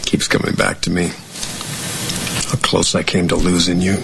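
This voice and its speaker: A man's voice: low voice, level tone, unhurried, vocal fry. An actor playing an earnest, tender man in a soap opera, with hammy, overdramatic delivery over a noisy TV clip. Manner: hammy, overacted dramatic delivery.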